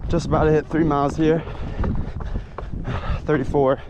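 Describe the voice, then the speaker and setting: An American man chatting casually to his vlog while running on a trail, breathy with effort as he talks. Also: on the high side, level tone, normal speed. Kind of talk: casual vlog chat, motivational asides. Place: outdoors on a hilly trail. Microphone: action camera carried while running. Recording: clear outdoor noise from action camera. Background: outdoor trail ambience and noise.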